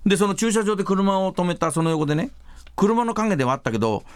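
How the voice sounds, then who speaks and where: A man hosting a show, chatting casually and retelling stories in an animated way with many fillers. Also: high-pitched, fast, clean tone, no room sound. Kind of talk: casual storytelling.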